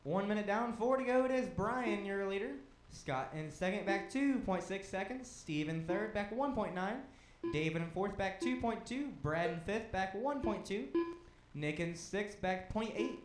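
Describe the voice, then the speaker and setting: A man runs the race from the stand, rattling off positions, gaps and caution calls in clipped, matter-of-fact commands. His voice sits high for a man. It rings out with a lot of echo around it. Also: expressive, normal speed. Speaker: race director. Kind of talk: live race calling over a PA.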